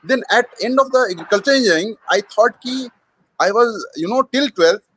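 Higher-pitched Indian man telling his story. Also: animated, a little fast, fairly bright tone, slightly rough, low-quality recording. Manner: hesitant, frequent mid-sentence Hindi switches. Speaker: startup co-founder, interview guest. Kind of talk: conversational personal storytelling.

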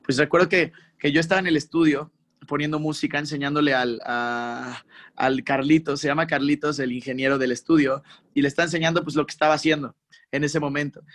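Animated young Mexican man with a Mexican accent. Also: on the high side, brisk. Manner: animated, slangy, acts out his own reactions. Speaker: musician guest. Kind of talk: casual interview chat.

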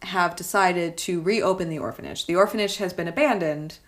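Chatty woman co-host, slightly low. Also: normal speed. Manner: chatty, filler-heavy, tags with "right?". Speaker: podcast co-host. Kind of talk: casual film discussion chat.

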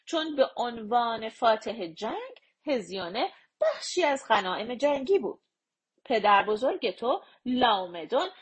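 A stern king lectures in a firm, dismissive way, as a woman reads him. The voice is somewhat high and slightly husky, with a pitch that moves a lot. This is a storybook monarch turning down a demand. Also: exaggerated voice.

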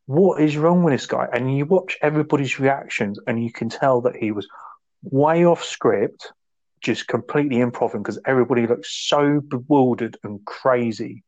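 A man's voice: medium pitch, normal speed, a little mellow, muffled recording. A man casually chatting about a film, enthusiastic and rambling. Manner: enthusiastic, rambling, acts out quotes. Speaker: podcast co-host. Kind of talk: casual film review chat.

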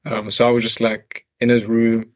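A man's voice: medium pitch, completely flat delivery, moderate pace, no room sound. A young man from France, a music producer guest, talking casually and laid-back with lots of slang and fillers. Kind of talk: casual interview talk.

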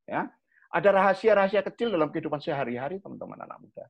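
A man with a Javanese accent explaining to young people in a relaxed chat, animated and acting out little scenes with sharp quoted lines. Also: a little high, racing, creaky. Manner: animated, acts out examples with sharp raised-voice quotes. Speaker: communication coach. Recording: dull lo-fi sound.

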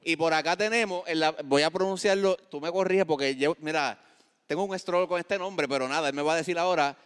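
A man's voice: fairly high pitch, brisk, a bit bright, clear, resonant tone, big-room sound. A man hosting a casual podcast, laid-back and joking as he introduces guests. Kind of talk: casual chat.

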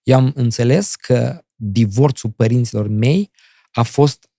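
Gravelly man telling stories. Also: mid-range voice, no room sound, clean studio sound. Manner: animated storyteller who acts out dialogue. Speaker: guest, actor. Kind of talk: casual interview chat.

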